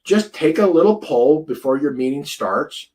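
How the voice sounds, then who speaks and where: A man's voice: fairly high pitch, animated, moderate pace, darkish tone. A man in his fifties, a food scientist giving an informal wellness presentation, rambling and chatty with many fillers, close to the camera mic. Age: 50s.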